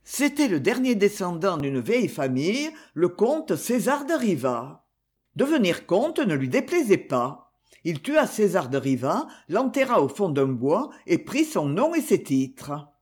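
Expressive man reading a detective story. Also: high-pitched, measured pace. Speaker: narrator. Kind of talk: audiobook reading.

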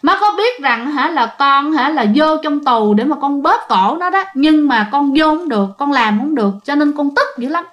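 A woman's voice: sits high, normal speed, dull audio, close to an everyday voice. A woman voicing the tearful, bitter ghost of a young man, told in a spoken ghost story. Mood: vengeful.

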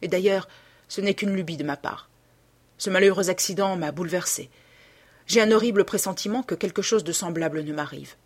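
A woman reading the lines of a troubled young gentleman who speaks sadly and uneasily, in a slightly husky, low-set voice. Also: fairly quick. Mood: anxious. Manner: sad, subdued, uneasy. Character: troubled young English gentleman, anxious and weary.

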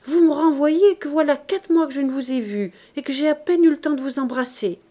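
Brief: woman reader plays a spoiled, coaxing young street girl, raised bright voice. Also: high-pitched, a little fast, voice pushed up, lightly acted. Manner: childish, wheedling coaxing.

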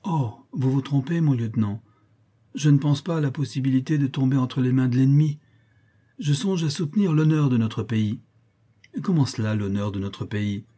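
A man voicing a brash, cheeky young French sailor in a read-aloud adventure story, talking in an excited, blustering way. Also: mid-range voice, moderate pace, natural voice. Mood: boisterous.

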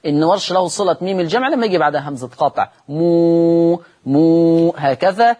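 A man with an Egyptian accent teaching Quran recitation in a televised lesson. He poses questions aloud, answers them himself, and chants the example words slowly and drawn out. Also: a little high, warm tone. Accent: Egyptian Arabic.

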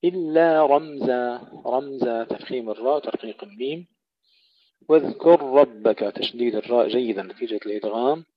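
A man leads a Quran recitation lesson, chanting verses slowly and melodically before breaking into quick, matter-of-fact explanations of pronunciation. His voice sits at an ordinary middle pitch. The recording sounds dull and lo-fi. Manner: slow melodic recitation alternating with brisk explanation.

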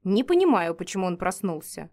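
A man's voice: high-pitched, very animated, fairly quick, darkish tone. A woman reading an audiobook, voicing an old male wizard who lives alone and talks with weary sighs. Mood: resigned. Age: older. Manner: sighing, resigned.

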